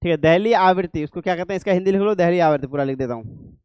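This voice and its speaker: A middle-aged man teaching a class, his voice pitched high for a man and ringing clean and smooth. The sound is dry and close, with little room in it. He keeps turning to the students with quick questions to check they are following. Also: a little mellow, no echo. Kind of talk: classroom lecture.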